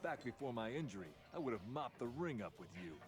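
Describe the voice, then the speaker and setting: A man's voice: medium pitch, very animated, quick pace, soft background music, lightly acted. An actor voicing a bitter, boastful male duelist in a video game, grudging in defeat. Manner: grudging, boastful about past strength. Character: bitter beaten male duelist with maimed fingers.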